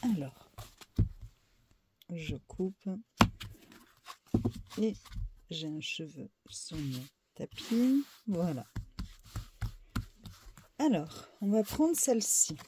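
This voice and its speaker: A woman who reads oracle cards, slowly listing the card names one by one and unsure how to say some of them. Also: lowish voice, expressive, background noise. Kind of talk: slow card-deck walkthrough.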